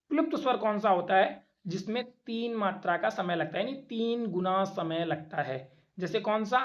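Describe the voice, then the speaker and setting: In an exam-prep lecture, a teacher keeps posing rhetorical questions, answers them, and draws out vowel sounds in repeated demonstrations. The voice is mid-range and the recording lo-fi.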